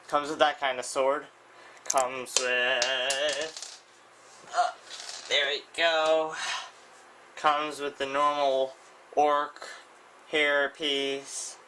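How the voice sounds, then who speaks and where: A man talks through a toy set in an unhurried, halting way, stopping often to say um and restart. His tone is bright and a little tense. The talk is loose and unscripted. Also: medium pitch, a little hiss or hum. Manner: hesitant, frequent ums and restarts. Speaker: toy reviewer. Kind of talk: casual unscripted product review.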